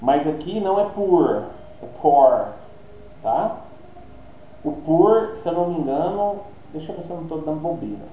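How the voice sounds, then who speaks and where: In a quick, lively delivery with few pauses, a man with a higher voice and a Brazilian Portuguese accent teaches English online. He talks through pronunciation, reasoning aloud and checking in via frequent tag questions, over a roomy, dull, lo-fi recording with a faint hiss.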